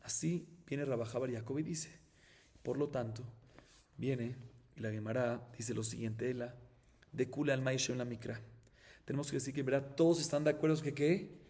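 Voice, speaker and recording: A man's voice: mid-range voice, moderate pace, mellow, in a large hall. A man with a Colombian Spanish accent, a rabbi teaching a Talmud class, explaining step by step and asking and answering his own questions.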